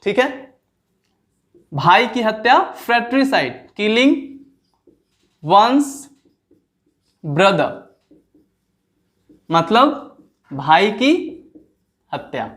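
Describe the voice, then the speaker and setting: Male teacher, unhurried delivery, drills words by slow repetition, keeps checking in with the class. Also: high voice, sing-song, a bit bright. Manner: repeats each word slowly, drawing it out; asks students questions and checks their understanding. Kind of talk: exam vocabulary lesson.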